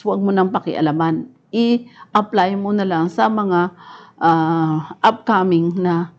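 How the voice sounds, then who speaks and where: Speaking through a muffled recording, a Filipino-accented woman lectures live online, chatting her way through court rulings she explains and reads out, often tacking a question tag onto her lines. Her mid-range voice has a slightly mellow quality.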